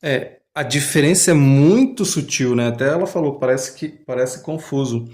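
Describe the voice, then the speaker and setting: A man's voice: medium pitch, moderate pace, darkish tone. A man, talking casually and hesitantly as he comments on a language lesson. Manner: thinks aloud, hesitant, restarts often. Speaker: language learner host.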